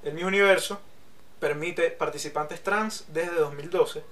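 Chatty high-voiced Venezuelan man. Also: unhurried, a bit bright. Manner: chatty, reeling off trivia facts. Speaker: podcast co-host. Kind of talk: casual banter.

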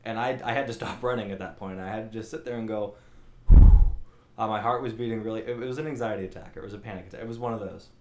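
A man's voice: on the low side, rapid-fire, hardly any pauses, very noisy. A young man hosting his own channel, telling a long story in a rambling, self-mocking way and acting out what people said. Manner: rambling, animated, self-mocking, acts out quotes. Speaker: channel host. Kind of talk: casual storytelling monologue. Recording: roomy echo.

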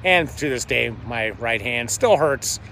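A man's voice: medium pitch, animated, measured pace, vocal fry, sharp tone. A man in his fifties from Georgia in the US, telling a story to a handheld camera outdoors in front of his house, in a rambling, chatty way full of fillers and self-corrections. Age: 50s. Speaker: vlogger. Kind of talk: casual first-person storytelling to camera. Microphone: handheld camera held by the speaker. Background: faint street and construction noise.

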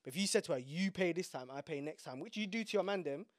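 Young london roadman chatting on a podcast, talks quick, slangy, higher voice. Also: no room sound, studio quality. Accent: London, urban street. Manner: slangy, animated, emphatic. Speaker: podcast host. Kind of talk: casual podcast banter.

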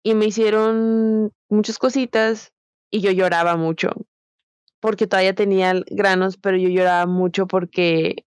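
A woman's voice: medium pitch, level tone, moderate pace, clean tone, dry recording, studio quality. A young woman with a Mexican Spanish accent, telling a personal story in a candid, slangy way with many fillers. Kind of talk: casual storytelling chat.

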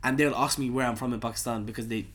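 Talking very fast at a medium pitch, this young man from London tells lively stories as a guest in a laid-back conversation. His speech is full of slang, and "right?" keeps popping up at the ends of his lines.

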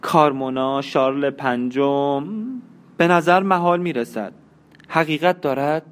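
A man's voice: medium pitch, pitched above the performer's own voice, lightly acted. A man voicing a frightened, bitter young woman in an audiobook, lifting his voice into a strained, pleading tone. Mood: accusing.

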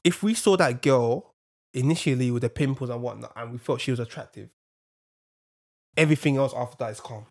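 A man's voice: mid-range voice, fairly quick. A young man with an urban London roadman accent in casual banter, slangy and often checking that he is understood. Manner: slangy, punctuated with tag questions. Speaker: talk show co-host.

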